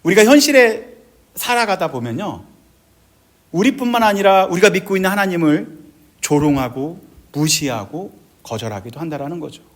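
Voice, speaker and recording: A middle-aged male pastor delivers a Sunday sermon in a lively, animated way. His voice is somewhat high, and it swings widely in pitch as he acts out the voices he quotes. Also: normal speed.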